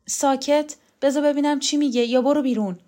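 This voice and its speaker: A stern, brusque strongman gives curt orders and plain replies, as a woman reads his part. The voice stays near a woman's middling pitch, pushed a little louder and quicker. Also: close to an everyday voice.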